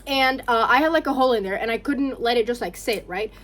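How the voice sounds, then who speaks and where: Young female vlogger, fairly high voice, unfiltered rambling chat with plenty of swearing. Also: quick pace, fairly bright tone, a little hiss or hum. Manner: candid, sweary, rambling with frequent "like". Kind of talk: casual chatty storytime while getting ready.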